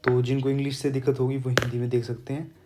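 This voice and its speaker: Calm man teaching the alphabet. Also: mid-range voice, background noise. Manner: explains patiently, repeating letter sounds slowly. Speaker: German language teacher. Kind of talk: casual spoken lesson.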